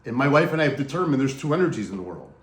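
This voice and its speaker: A man on a trip with his wife, telling stories and preaching in an animated, excitable way. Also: mid-range voice, racing. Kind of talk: casual preachy storytelling. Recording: roomy echoey recording.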